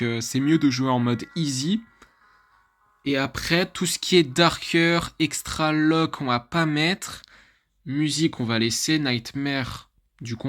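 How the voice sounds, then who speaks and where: Unhurried casual French gamer guy. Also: on the high side, a bit bright. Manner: chatty, swears casually, laughs at own mistakes. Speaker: gaming YouTuber. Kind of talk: casual gaming commentary.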